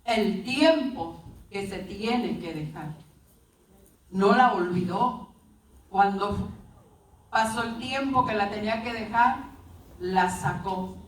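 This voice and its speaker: A woman's voice: mid-range voice, slow, pauses often, a little hiss or hum. A woman preacher telling a parable in a sermon, addressing the congregation as brothers, recorded from a distance in an echoey room.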